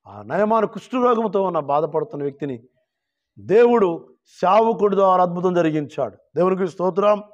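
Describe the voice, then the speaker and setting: A male pastor preaching a sermon, reading scripture slowly and calling on the church to shout hallelujah. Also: high voice, animated, muffled recording. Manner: calls for loud hallelujahs, rising to shouts; drawn-out quoting of scripture verses.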